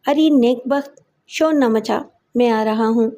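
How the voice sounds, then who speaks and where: A woman narrator voicing a rough, bullying husband who threatens and pleads in turn, in an audio story. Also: on the high side, warm tone, natural voice. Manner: gruff threats, then pleading. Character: rough, bullying servant husband, grown man.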